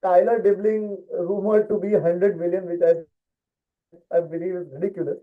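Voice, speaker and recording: A man's voice: sits high, flat delivery, moderate pace. A man co-hosting a casual football chat, talking with many fillers and restarts. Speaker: podcast co-host. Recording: tinny phone-like line.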